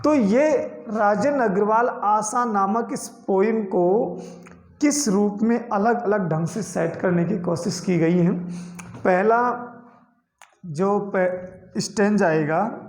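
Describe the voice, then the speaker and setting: A male teacher lecturing a class on a poem, slowly repeating key terms and mixing English words into his Hindi explanations. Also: high-pitched, roomy sound. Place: classroom with a board.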